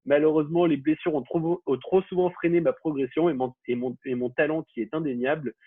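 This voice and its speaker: A man's voice: fairly high pitch, steady tone, brisk. Hesitant man hosting a quiz, phone-like sound. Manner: hesitant, many fillers and restarts. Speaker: quiz host. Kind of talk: casual podcast quiz hosting. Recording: phone-like, husky, dry.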